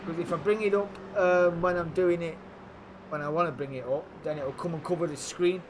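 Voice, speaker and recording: A man giving live motorsport race commentary in an informal, matey, excitable play-by-play, mixed with casual stream chat. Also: a little high, a little fast, background noise. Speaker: sim racing commentator and streamer.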